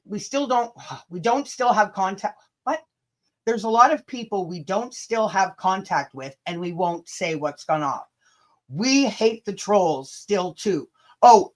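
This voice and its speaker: In a mid-range voice, a livestream host chats casually and reads messages aloud. The delivery is blunt and full of swearing, with stumbles and rereads along the way.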